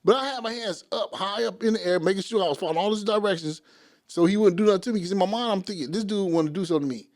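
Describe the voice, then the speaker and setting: Man, high voice, animated storyteller, acts out quotes, casual podcast chat. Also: racing.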